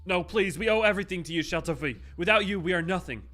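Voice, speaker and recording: A man's voice: medium pitch, brisk, bright, forceful tone, soft background music, lightly acted. A man voicing a timid, earnest underling of a game villain, pleading his case.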